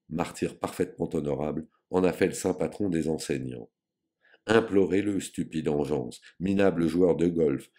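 A man's voice: low-pitched, warm tone, breathy edge. A man reading an audiobook, voicing a pompous, self-important grown man with a grandiloquent, lofty and scornful manner.

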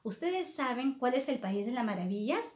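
A middle-aged woman telling a story to young children, animated and addressing them by name. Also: on the high side, normal speed, echoey room.

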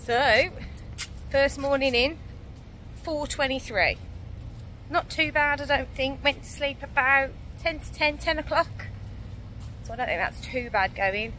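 A woman's voice: high-pitched, measured pace, pauses often, bright, forceful tone, a little hiss or hum. A woman filming a casual family vlog, chatting upbeat about breakfast with her kids in a large diner. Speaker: family vlogger and mother.

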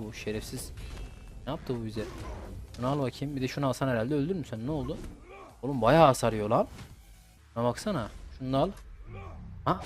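A man's voice: mid-range voice, a little mellow. A young man giving casual, slangy gameplay commentary and swearing at his opponents. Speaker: gaming YouTuber. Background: game music.

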